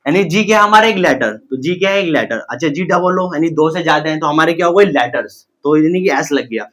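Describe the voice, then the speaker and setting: A man's voice: on the high side, expressive, fairly quick, fairly bright tone. A man teaching English pronunciation in Hindi, explaining step by step and asking and answering his own questions. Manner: addresses viewers as guys. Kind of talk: Hindi-language English lesson.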